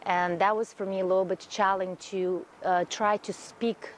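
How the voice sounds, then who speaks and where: A woman's voice: medium pitch, flat delivery, moderate pace, slight background noise. A woman, a guest introducing herself in an interview, earnest, with many fillers and repeated words. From Russia. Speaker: guest, event producer.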